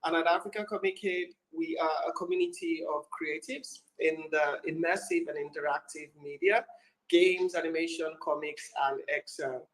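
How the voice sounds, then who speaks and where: A man with a Nigerian accent talks as a guest on a panel. His voice is somewhat high for a man, and he explains things in an organised, presentational way. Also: fairly even intonation, normal speed, a bit bright, low-quality recording. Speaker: panel guest, co-founder of a creative community.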